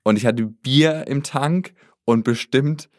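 Male co-host, casual storyteller, animated, mid-pitched voice, dry close recording. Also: takes it slowly, no echo. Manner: animated, acts out quoted dialogue. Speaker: podcast co-host.

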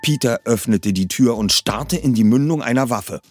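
A man reading an audiobook with an expressive, dramatic delivery. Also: mid-range voice, normal speed, faint music behind. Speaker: audiobook reader.

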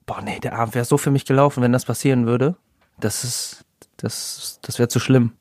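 Young man, podcast co-host, mid-pitched voice, dry close sound, laughs a lot, slangy. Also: moderate pace, no echo. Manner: laughs often, slangy, animated storytelling. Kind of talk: casual chat.

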